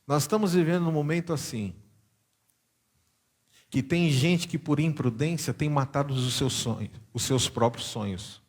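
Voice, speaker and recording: A man's voice: fairly high pitch, a little mellow, husky. A Brazilian man from São Paulo, a bishop preaching a sermon in church, reading scripture aloud and stopping to explain it and put questions to the congregation. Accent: Brazilian Portuguese, São Paulo.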